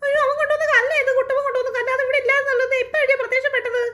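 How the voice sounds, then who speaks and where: Brief: a panicky cartoon mom, very high and bright, rattling out her lines. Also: little pitch movement. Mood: panicked. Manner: shrill, rapid panicky exclaiming. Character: excitable, easily frightened mother. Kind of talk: cartoon voice acting.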